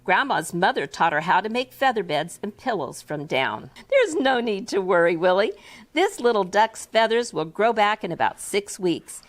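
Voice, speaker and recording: A woman author reading her picture book aloud to a first grade class in a classroom, with an expressive, animated delivery. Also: medium pitch, normal speed. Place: elementary school classroom.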